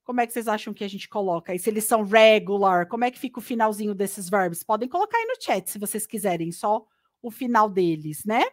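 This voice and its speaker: A woman with a Brazilian accent giving a live online English lesson, chatty and lively, mixing English words into her Portuguese. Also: medium pitch, quick pace, no room sound, clean studio sound. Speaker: English teacher. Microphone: computer mic on a live stream.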